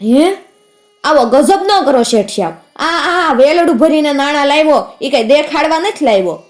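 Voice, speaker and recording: A woman's voice: on the high side, normal speed, a little mellow, soft background music, lightly acted. A woman voicing a grateful older merchant who pleads in a choked, emotional way. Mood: pleading.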